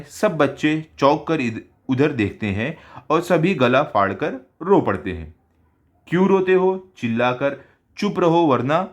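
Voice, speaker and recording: A man teaching a school Hindi lesson, reading story lines slowly and then explaining them in simple words. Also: mid-range voice.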